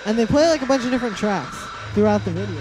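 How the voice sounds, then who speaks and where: A young man with a nasal, high-sitting voice hosts a casual music production livestream from a small room at home. He talks quickly in a relaxed, rambling way, leaning on "like" and mumbling asides to himself, and the audio is very noisy.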